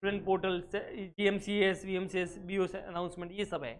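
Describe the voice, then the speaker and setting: In this recorded exam-prep lecture, a male accounting teacher speaks a little fast in a high-sitting, flat voice. He peppers the class with rhetorical check questions and weaves English terms into his explanation.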